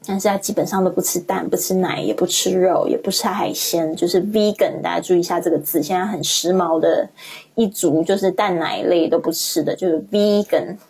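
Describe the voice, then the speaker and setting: Husky-voiced woman teaching English. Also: lowish voice, steady tone, a little mellow. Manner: explains patiently, repeats English words slowly to model pronunciation. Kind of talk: online language lesson.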